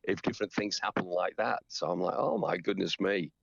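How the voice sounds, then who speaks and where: A middle-aged man chatting casually as an interview guest, telling anecdotes in an animated, storytelling way. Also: sits low, fairly quick, vocal fry, dry recording, lo-fi sound. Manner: chatty, animated storyteller who acts out quotes. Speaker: interview guest, champion town crier.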